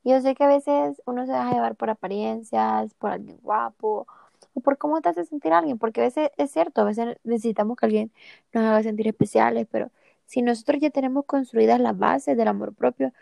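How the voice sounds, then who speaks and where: Young woman podcaster, earnest advice-giver, highish pitch, dry close sound. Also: brisk, gravelly, dark tone, no echo. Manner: earnest, encouraging, gives life advice. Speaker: podcast host. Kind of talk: casual advice chat.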